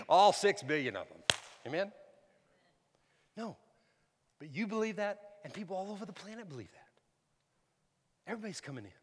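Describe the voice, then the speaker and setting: Bright-voiced man in his sixties preaching. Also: high-pitched, big pitch swings, moderate pace, pauses often, slight background noise. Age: 60s. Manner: swings from loud, preaching emphasis to soft, near-whispered asides; repeats words and asks the crowd for amens. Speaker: pastor. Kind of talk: sermon. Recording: long hall reverb.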